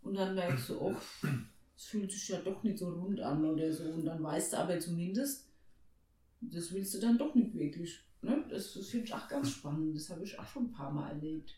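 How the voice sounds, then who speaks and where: A speaker in a casual conversation, agreeing and sharing their own experiences in a relaxed way. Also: medium pitch, moderate pace, far from the mic. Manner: agreeable, shares personal experience. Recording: roomy echo, away from the mic.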